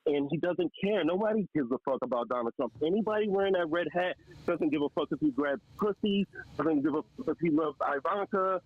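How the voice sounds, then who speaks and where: A man's voice: fairly high pitch, lively intonation, brisk, phone-quality sound. A man in a heated political debate, profane and combative, with a sarcastic edge.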